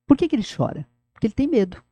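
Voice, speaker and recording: A middle-aged woman, a former school director telling stories in a podcast interview, animated and addressing the listener directly. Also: fairly high pitch, very fast, slightly rough, no echo, muffled recording.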